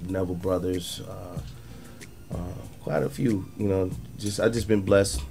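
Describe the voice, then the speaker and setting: A man's voice: low-pitched, fairly even intonation, measured pace, creaky. A man from Western New York, a guest musician on a radio talk show, laid-back and joking. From Western New York, United States. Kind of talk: casual talk show self-introduction. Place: small radio studio. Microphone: studio mic with headphones. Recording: music playing in the background.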